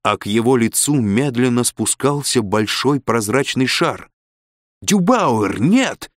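A man reading an audiobook in a steady, expressive narration. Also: medium pitch, measured pace, no echo, clean studio sound.

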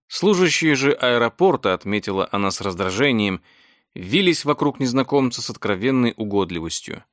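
A man reading a novel aloud in a steady, measured storytelling voice. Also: mid-range voice, no room sound, clean studio sound. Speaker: audiobook narrator.

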